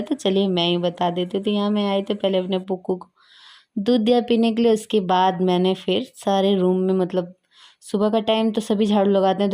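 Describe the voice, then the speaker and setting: Chatty woman, low even voice. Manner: chatty, homely, with many fillers. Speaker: vlogger. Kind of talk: casual vlog voice-over narration.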